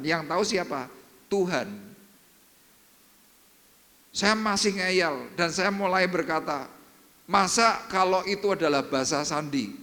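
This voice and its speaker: A male pastor preaching a sermon, telling a personal testimony, dropping to hushed tones and rising to emphatic peaks. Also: medium pitch. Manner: animated storytelling testimony, swings between hushed and emphatic. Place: church. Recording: reverberant church hall.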